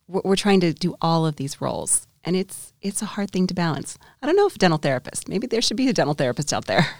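A woman's voice: on the low side, very animated, quick pace, a little mellow, dry recording, studio quality. A woman dentist co-hosting a podcast, talking candidly and reflectively in a casual conversation. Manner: candid, reflective, with small restarts.

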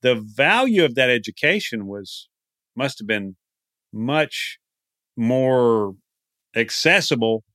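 A man's voice: mid-range voice, animated, takes it slowly, pauses often, fairly bright tone, no echo, clean studio sound. A man with a Texan accent hosting a podcast interview, talking in a casual, rambling way with frequent restarts. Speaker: podcast host.

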